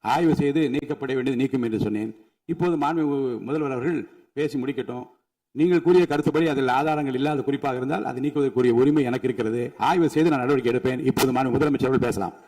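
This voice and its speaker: A man's voice: medium pitch, quick pace, darkish tone, low-quality recording. A man, the assembly speaker, giving formal rulings while chairing a debate.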